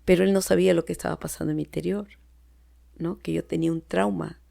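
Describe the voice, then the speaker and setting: A woman's voice: fairly low pitch, fairly even intonation, fast talker, vocal fry, dark tone. A woman with a Peruvian Spanish accent giving an earnest personal testimony in conversation, often dropping to a near-whisper. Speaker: podcast guest. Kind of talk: personal testimony in casual chat.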